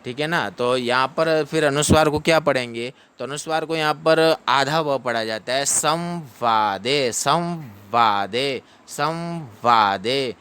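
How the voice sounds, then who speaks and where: A man teaching how to pronounce a Sanskrit chapter ending, drilling each syllable slowly and chanting it back. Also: a little high, a bit bright, clean tone. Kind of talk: pronunciation lesson.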